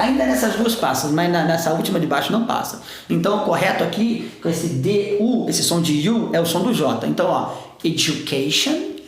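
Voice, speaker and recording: A Brazilian Portuguese-speaking man teaching an English pronunciation lesson, patiently repeating example words. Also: sits high. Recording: very echoey room.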